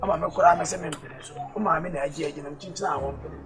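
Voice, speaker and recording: A woman's voice: low voice, fairly even intonation, racing. A Ghanaian woman in a comedy skit, playing a mother who lectures and scolds. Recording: faint music playing behind.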